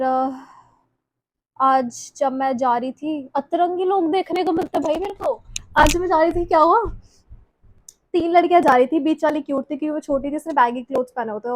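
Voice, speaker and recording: A young woman with a Haryanvi-tinged accent chats away in a self-mocking way, as if to friends. Her voice sits high and bright in pitch. The sound is close and dry, with no room around it. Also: no room sound, rough recording. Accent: Haryanvi-tinged Hindi. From Haryana, India. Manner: chatty, self-mocking, mixes in English phrases. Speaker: vlogger. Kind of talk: casual chat. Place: home kitchen and city streets.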